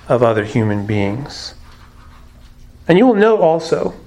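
A man's voice: medium pitch, rough recording. A man preaching a sermon as a pastor, earnest and emphatic, asking rhetorical questions.

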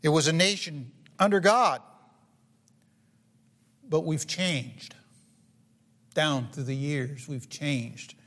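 Earnest preacher in a reverberant hall. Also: male voice, on the high side, slow, pauses often, a bit bright. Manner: earnest, frequent fillers and restarts, asks the congregation questions. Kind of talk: sermon.

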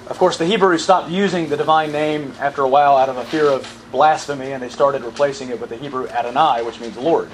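A man's voice: mid-range voice, quick pace, few pauses, slight background noise, rough recording. A man teaching from the Bible in a sermon style, asking the audience questions and repeating verse references.

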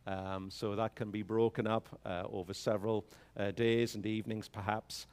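A man pastoring an evening service, reading scripture slowly and with measured emphasis at a pulpit microphone, then giving notices with many fillers. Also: lowish voice, level tone, darkish tone, smooth. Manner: frequent fillers when speaking freely. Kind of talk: scripture reading and sermon announcements.

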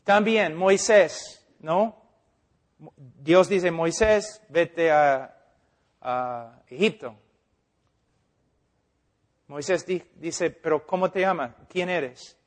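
Slow, high-voiced preacher. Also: male voice. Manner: swings from hushed to loud and emphatic. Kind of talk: sermon.

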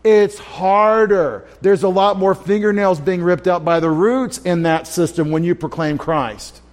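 A man's voice: high voice, a little slow. A man preaching a Bible study sermon as pastor of a church, emphatic, repeating key lines and restarting phrases as he goes.

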